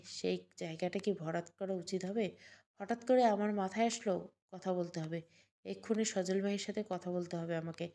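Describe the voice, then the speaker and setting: Mellow-voiced woman storyteller. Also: mid-range voice. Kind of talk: scripted audio story narration.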